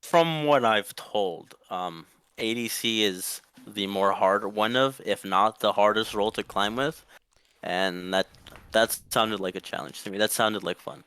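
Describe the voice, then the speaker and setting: A man's voice: fairly low pitch, unhurried, pushed and bright, clear, resonant tone, dry recording. A young man from Mexico, talking politely and upbeat with his coach, often restarting his sentences. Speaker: student player. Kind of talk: casual chat.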